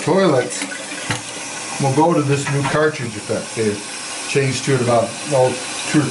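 An older man, a master plumber, explaining toilet parts in a casual how-to, plain-spoken with frequent pauses and fillers. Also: mid-range voice, noisy background. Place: home bathroom.

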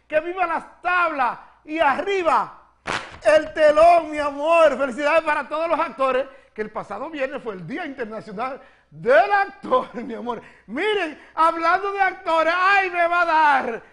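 A man's voice: very high voice, expressive, normal speed, sharp tone, heavily acted. A man playing a flamboyant, gossiping country woman from the Dominican Republic who hosts a comedy gossip segment, speaking with a Dominican accent, giggling and calling everyone "mi amor". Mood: sassy. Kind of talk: TV comedy sketch character.

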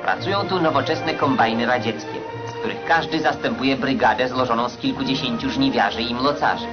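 Old newsreel man announcing over loud music. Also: mid-range voice, a little fast. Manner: formal, declamatory announcer delivery. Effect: old newsreel soundtrack. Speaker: newsreel narrator. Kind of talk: scripted newsreel narration. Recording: dull lo-fi old film soundtrack. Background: loud orchestral music.

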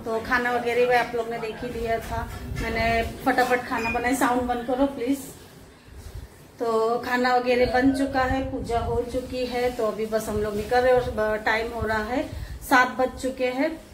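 A woman's voice: fairly high pitch, flat delivery, measured pace. A woman chatting to her viewers in a casual home vlog, talking them through her day. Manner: chatty, addresses viewers directly. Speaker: family vlogger. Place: at home indoors. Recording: echoey room, faint background noise.

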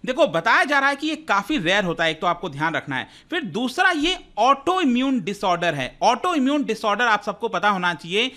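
High, bright-voiced male exam tutor. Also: a little fast, few pauses. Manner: energetic, talks straight to viewers, mixes in English words. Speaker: exam-prep educator. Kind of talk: explanatory lesson.

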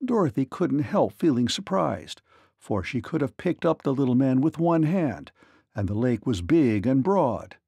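Expressive male storyteller, dry close sound. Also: mid-range voice, a little slow, vocal fry, slightly rough, no room sound. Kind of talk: children's read-along story narration.

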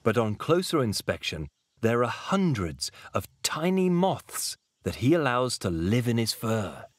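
A man's voice: medium pitch, big pitch swings, measured pace, dry recording. A man delivering scripted narration for a nature documentary. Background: music.

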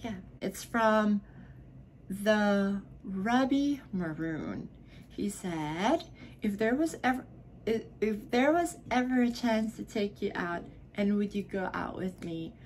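A young Filipino woman whose first language is Filipino (Tagalog) vlogs from her bedroom at home while drunk, answering viewer questions as she slurs, giggles and drifts into whispers. Her mid-range voice is animated and slow, a little mellow, on a rough recording with some hiss or hum.

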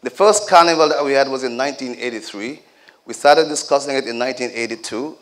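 A man's voice: mid-range voice, fast. A man giving a speech at a community celebration. He exhorts the crowd in a preacher-like cadence and speaks to them directly, with joking asides.

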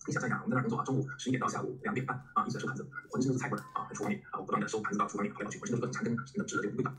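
A middle-aged man teaching English vocabulary in a lively, chatty lecture, spelling words out letter by letter. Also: medium pitch, rapid-fire, poor audio.

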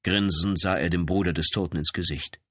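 A man reading a crime novel as an audiobook narrator, steady and even. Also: low-pitched, fairly quick, dry recording, studio quality.

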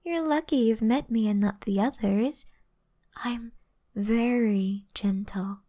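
Slow, soft-spoken vampire woman, acted out. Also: on the high side. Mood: amused, coaxing. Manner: teasing, softly boastful, unhurried. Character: flirtatious, gentle, predatory female vampire. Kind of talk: ASMR role-play.

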